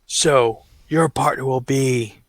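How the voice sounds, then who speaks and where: A man doing a calm wrestling authority figure. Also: medium pitch, slow, gravelly, dry recording. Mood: reassuring.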